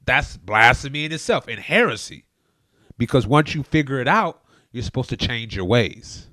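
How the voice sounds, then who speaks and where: A man's voice: medium pitch, expressive, normal speed, sharp tone, dry recording, studio quality. A man co-hosting a casual podcast chat, preaching his views emphatically and telling listeners to look things up. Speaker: podcast co-host.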